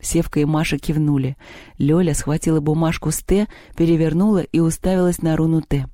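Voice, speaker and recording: An audiobook narrator reads a story in an even, measured way. The voice is mellow and somewhat dark. It is recorded dry and close. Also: medium pitch, no room sound. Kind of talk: scripted narration.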